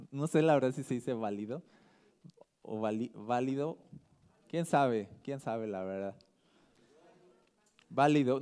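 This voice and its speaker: A man's voice: medium pitch, warm tone. A male pastor giving a casual, conversational sermon. He reads scripture aloud and keeps checking in with the listeners.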